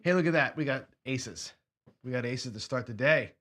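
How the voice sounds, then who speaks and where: Sounding hoarse and sniffly, a man hosts a craps strategy show, thinking aloud as he counts chips and places bets in casual play-along commentary. His voice is mid-range and a bit bright, at an ordinary speed.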